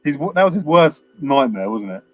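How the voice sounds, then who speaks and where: A man's voice: on the high side, very animated, a little fast. A man co-hosting a film review, chatting casually with lots of fillers and restarts. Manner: rambling, many fillers and restarts, acts out quotes. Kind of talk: casual chat.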